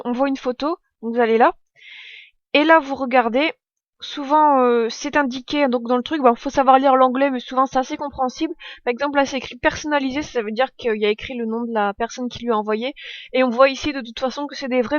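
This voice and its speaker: A woman's voice: high voice, steady tone, quick pace, no room sound, muffled recording. A woman in her twenties explaining a tutorial step by step in a chatty, self-correcting way. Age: 20s. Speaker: tutorial vlogger. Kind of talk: casual screen-recorded tutorial.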